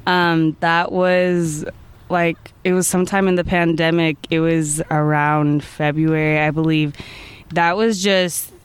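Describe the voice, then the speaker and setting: The voice is mid-range, clear and resonant, with a level tone and measured pace. It belongs to a podcast guest in their twenties who rambles through a casual interview, peppered with "like" and "I feel like" and frequent small laughs.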